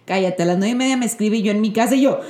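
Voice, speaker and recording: A woman hosts a casual podcast chat with a voice of middling pitch. She tells stories with lively energy and acts out the people in them. The room around her sounds roomy and echoey. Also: rapid-fire, crowd noise. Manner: lively storyteller who acts out quoted voices. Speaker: podcast host. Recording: roomy echo.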